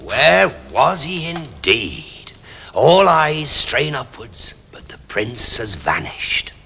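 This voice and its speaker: An actor playing a storyteller who narrates his tale theatrically in a television drama, slow and hushed, sometimes dropping to a whisper. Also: mid-range voice, very animated, vocal fry, breathy edge, in a large hall, heavily acted. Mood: grave. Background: music.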